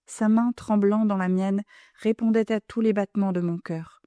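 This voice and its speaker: A woman narrating an audiobook in a measured, composed voice with a mellow, darker tone. The recording is dry and close to the mic, with no room sound. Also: mid-range voice, fairly even intonation, clear, resonant tone, no echo. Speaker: audiobook reader. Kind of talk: audiobook narration of a classic novel.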